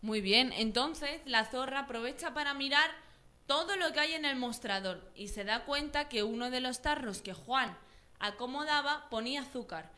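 A woman's voice: high-pitched, normal speed, pushed and bright. A woman teacher reading a story aloud with a student, asking questions and encouraging him. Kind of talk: guiding a student through a read-aloud story.

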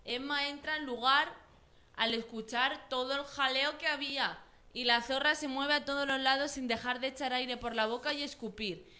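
A woman's voice: high voice, steady tone, moderate pace, pushed and bright. A woman teacher reading a story aloud with a student, asking questions and encouraging him. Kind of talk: guiding a student through a read-aloud story.

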